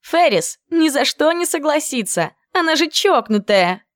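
A woman putting on a dreamy, gossipy young girl from a storybook, her voice lifted high and lilting with drawn-out exclamations. Close and dry. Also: big pitch swings, no echo. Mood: dismissive.

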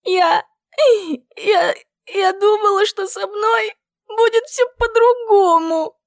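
A woman's voice: extremely high pitch, fairly even intonation, takes it slowly, dry recording, studio quality, voice pushed up, exaggerated voice. A woman voicing a young heartbroken girl who sobs as she talks. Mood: sobbing. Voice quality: tearful, sobbing. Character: young plump blonde girl, heartbroken and weepy.

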